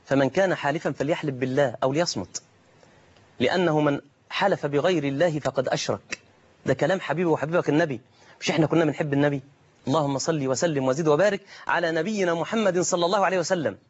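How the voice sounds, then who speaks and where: A man's voice: fairly high pitch, fast talker. A man with an Egyptian accent preaching a colloquial sermon, firing off rhetorical questions and answering imagined objections from listeners. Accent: Egyptian Arabic. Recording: dull lo-fi recording.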